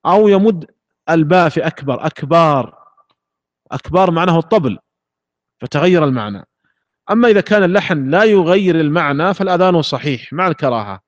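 A man teaches a religious lesson, calm and methodical, pausing to demonstrate recited phrases. His voice sits a little high for a man. The recording is dry and slightly dull. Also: no room sound. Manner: measured, explanatory, demonstrates recitation examples. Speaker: Islamic jurisprudence teacher.

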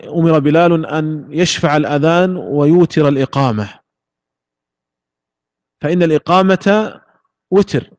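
A man teaches a religious lesson, calm and methodical, pausing to demonstrate recited phrases. His voice sits a little high for a man. The recording is dry and slightly dull. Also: dry recording. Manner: measured, explanatory, demonstrates recitation examples. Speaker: Islamic jurisprudence teacher.

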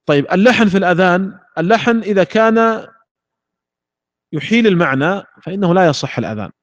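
A man giving a religious jurisprudence lesson in a measured, explanatory way, sometimes demonstrating recitation. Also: high voice, expressive, dry recording, dull audio. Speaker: Islamic jurisprudence teacher.

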